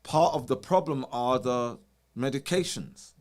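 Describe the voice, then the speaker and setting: A man's voice: mid-range voice, a little slow, a little mellow. A man hosting a wellness consultation over a video call, explaining things in a casual way and often checking in with "you know" and "right?". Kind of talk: casual advisory chat.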